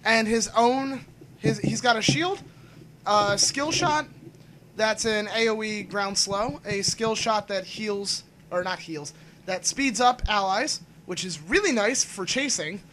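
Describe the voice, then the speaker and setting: A bright, forward voice co-hosting a casual gaming chat, with jokey and animated banter. The recording has faint noise behind it. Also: medium pitch, takes it slowly. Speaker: podcast co-host.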